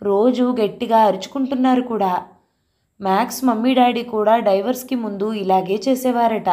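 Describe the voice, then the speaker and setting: A young schoolboy in an audio story, earnest and close to tears as he pours his worries out to his grandmother, played by a woman reader. The voice sits higher than her own narration, childlike and a little breathless with feeling, yet keeps her mellow, dark tone underneath. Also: fairly even intonation, normal speed, natural voice. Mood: tearful. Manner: childlike, mixing English words into speech.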